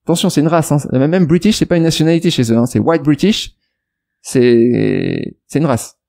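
This creaky, warm, slightly high voice belongs to a French investment YouTuber replying on video to a viewer's comment at a moderate pace. Addressing the viewer head-on, he argues his case in a wandering way, with plenty of fillers and false starts.

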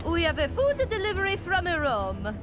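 A woman's voice: very high voice, very animated, normal speed, over loud music. A woman voicing a pilot who speaks with an Italian accent, calling in over a walkie-talkie radio in formal call-sign talk.

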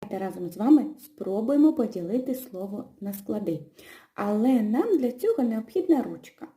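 A woman teaching young children to read, talking in a gentle, slow, sing-song way and breaking words into syllables. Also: on the high side, big pitch swings. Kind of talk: children's literacy lesson with a told tale. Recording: echoey room.

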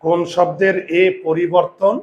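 A man teaching a grammar lesson who sounds out vowels slowly, repeats words and asks his students questions. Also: sits high, level tone, a little mellow, dull audio. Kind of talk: classroom lesson.

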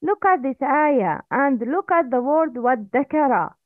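Slow patient woman teaching, tinny audio. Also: high-pitched, expressive, dry recording. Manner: slow, patient, spells out each sound. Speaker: Quran recitation teacher. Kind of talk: slow step-by-step tajweed lesson.

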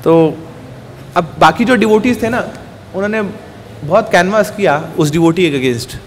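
High-pitched guy telling temple stories, acts out the quotes, echoey hall. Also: measured pace, a little hiss or hum. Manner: animated storytelling, acting out the guru's quoted words, mixing Hindi and English. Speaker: temple speaker. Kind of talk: devotional storytelling talk.

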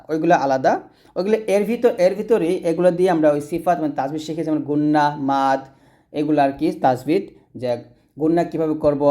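Male Quran reading teacher, mellow and warm, talks viewers through each step and slows to spell out sounds. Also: on the high side. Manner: explains step by step, asks and answers own questions, slows to spell out sounds. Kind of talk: spoken lesson to viewers.

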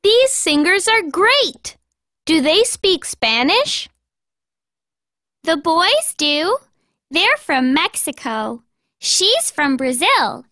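A bright, upbeat young friend in a scripted textbook dialogue. The voice sits high and lively, speaks slowly, and sounds dry and close. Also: female voice, dry recording, heavily acted. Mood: cheerful.

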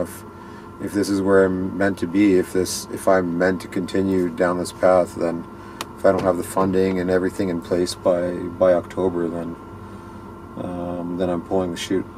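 A low-pitched man in his thirties, a ski racer, is interviewed inside a small vehicle parked at night, with noise in the background. The chat is casual, and he talks earnestly but rambles, restarting his sentences often.

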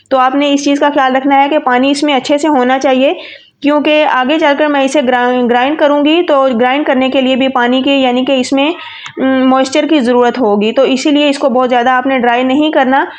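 A woman from Pakistan narrating a cooking tutorial as the channel host, friendly and instructive, with English words mixed into her talk. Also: high voice.

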